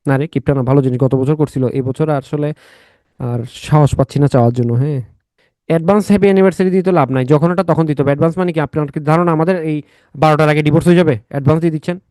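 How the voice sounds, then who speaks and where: A man's voice: a little high, fairly even intonation, rapid-fire, dark tone, dry recording. A young man giving an exam-prep literature lecture, repeating key facts and breaking off into joking asides to his students. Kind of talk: live online lecture with banter.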